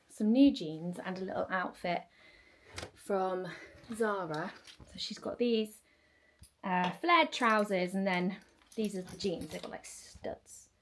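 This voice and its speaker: Chatty mum vlogging at home. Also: female voice, a little hiss or hum. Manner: chatty, upbeat, drops to low asides. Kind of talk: casual chat while tidying. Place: home, moving between rooms. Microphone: handheld camera.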